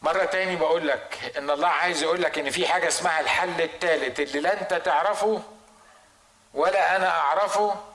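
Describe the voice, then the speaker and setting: Man, egyptian arabic accent, preaching, rhetorical questions, bright forceful voice, echoey room. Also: fairly high pitch, fast. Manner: lively, acts out dilemmas with rhetorical questions. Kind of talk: sermon.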